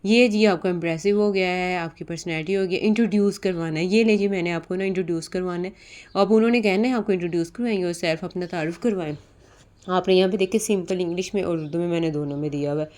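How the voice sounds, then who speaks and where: Woman tutor with a mellow, lowish voice. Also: quick pace. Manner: explains step by step, often repeats "ठीक है"; mixes English terms into Urdu. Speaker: interview prep tutor. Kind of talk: casual spoken lesson.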